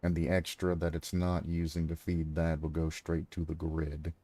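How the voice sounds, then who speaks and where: Deep-voiced man streaming a game. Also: monotone, normal speed, dark tone. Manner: talks to himself and chat, sarcastic asides. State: clears throat often. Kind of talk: casual gameplay commentary.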